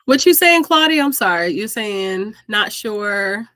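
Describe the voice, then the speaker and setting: A woman's voice: medium pitch, animated, measured pace, fairly bright tone, dry recording. A woman hosting a casual group video call, chatty and easygoing, saying "like" often and laughing easily. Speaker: host of an officiant meetup.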